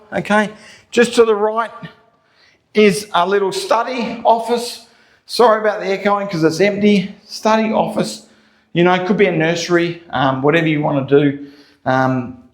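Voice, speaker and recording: An Australian man, a real estate agent, gives an informal, salesy walkthrough of a property with folksy asides, his voice echoing in empty rooms. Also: a little high. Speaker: real estate agent presenting a house tour. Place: empty house interior, walking between rooms.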